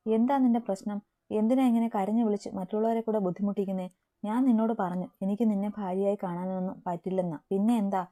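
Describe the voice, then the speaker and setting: A woman's voice: mid-range voice, steady tone, quick pace, warm tone, lightly acted. A woman reading the part of a firm, protective young man in an audio story. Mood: stern. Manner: firm, commanding.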